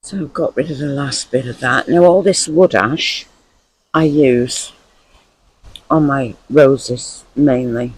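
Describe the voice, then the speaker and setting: A man's voice: medium pitch, takes it slowly, a little hiss or hum, poor audio. A man chatting casually as a gardening vlogger, rambling and repeating words for emphasis.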